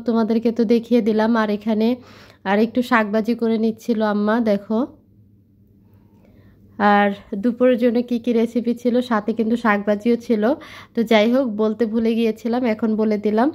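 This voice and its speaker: A woman's voice: a little high, level tone, brisk, a little mellow. A woman narrating a casual home vlog from her kitchen, chatting directly to her viewers. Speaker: vlogger.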